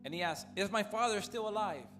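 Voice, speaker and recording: A man's voice: high voice, moderate pace, fairly bright tone, faint music behind. A man interpreting a sermon phrase by phrase, following right after the preacher and restarting now and then.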